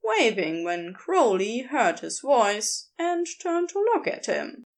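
A female podfic narrator tells a story in a higher-pitched voice, expressive and animated, at a very unhurried pace.

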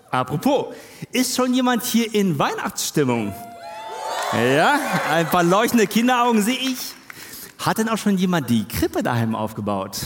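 A man playing a brash, booming TV show host. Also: long reverb tail. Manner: showy, booming showman patter. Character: brash male TV show host, jovial and slick. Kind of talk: stage comedy sketch.

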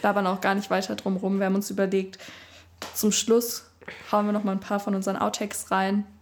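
Young woman podcaster, just chatting casually w her co-host, jokey, normal pitch. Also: monotone, a little fast, a little hiss or hum.

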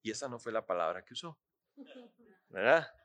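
A man preaching a sermon, animated and asking listeners questions. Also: fairly low pitch, moderate pace. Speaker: pastor.

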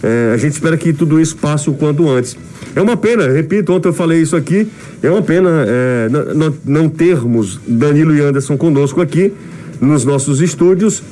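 A man hosts casual sports radio talk through a face mask, so his studio mic sound is muffled, with a music bed underneath. His voice is fairly high, expressive, warm and a little fast.

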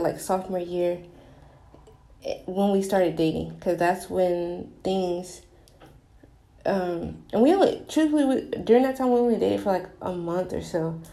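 Mellow young woman rambling in an echoey bathroom. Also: fairly low pitch. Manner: earnest, rambling. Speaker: podcast host. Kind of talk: casual confessional monologue. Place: small bathroom, in the bathtub.

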